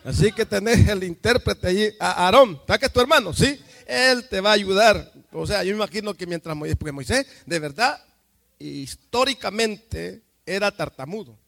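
A man preaching a sermon as pastor, telling the story with lively acted-out quotes, swinging from soft asides to shouts. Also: high-pitched, normal speed, creaky.

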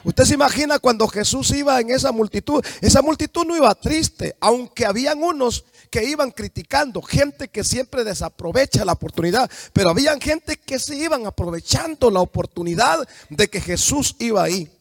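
A middle-aged Salvadoran man preaching a fervent sermon, speaking straight to his congregation and rising into shouts. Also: extremely high pitch, lively intonation, moderate pace, hardly any pauses, dry recording, clean studio sound. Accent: Salvadoran Spanish.

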